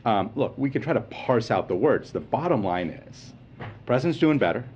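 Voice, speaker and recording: A medical official at a press briefing answers reporters' questions, explaining things reassuringly and stressing key points with animated energy. His mid-range voice moves at a moderate pace on a muffled recording with a little hiss or hum.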